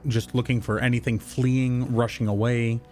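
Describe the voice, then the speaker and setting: A man playing in a tabletop role-playing game, describing his character's actions in a measured way. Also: mid-range voice, level tone, darkish tone, soft background music. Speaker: player. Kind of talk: casual tabletop play.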